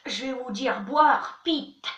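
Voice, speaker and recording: Young woman, high bright voice, slow and playful, echoey room far from the mic. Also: muffled recording. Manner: chatty, playful, self-mocking. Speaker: vlogger. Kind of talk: casual vlog teaching words.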